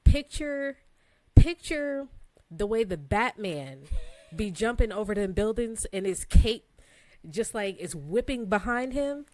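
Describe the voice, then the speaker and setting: A woman in her thirties, co-hosting a podcast, telling a story in a casual, animated way with relaxed phrasing and frequent laughter. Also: medium pitch, measured pace, a little hiss or hum. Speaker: podcast co-host.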